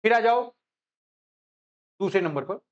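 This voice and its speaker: A male teacher talks a class through a commerce lesson. He jokes, keeps asking whether the students follow, and his pitch swings widely as he explains. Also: lively intonation, measured pace, muffled recording. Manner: chatty, joking, checks understanding constantly. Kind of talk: classroom lecture.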